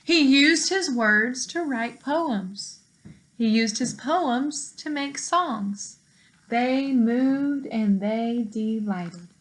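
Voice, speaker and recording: This teacherly reader, whose voice runs fairly high, brings a picture book to life for children. Along the way she pauses to clarify vocabulary and quiz the little ones.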